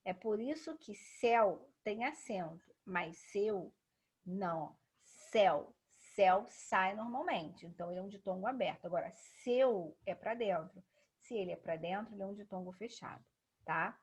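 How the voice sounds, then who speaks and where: A woman's voice: mid-range voice, moderate pace, breathy edge. A woman with a Brazilian Portuguese accent giving a patient classroom grammar lesson, often checking in with tag questions. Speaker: teacher.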